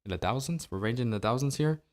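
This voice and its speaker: A man's voice: medium pitch, expressive, fast, darkish tone. A man from New Jersey hosting a solo political commentary podcast, talking in a sarcastic, opinionated way with rhetorical questions. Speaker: podcast host.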